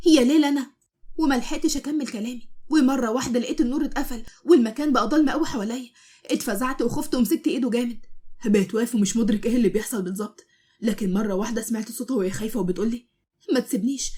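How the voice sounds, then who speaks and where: A woman with an Egyptian accent narrating a romantic comedy story briskly. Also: fairly high pitch, mellow, breathy edge. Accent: Egyptian Arabic.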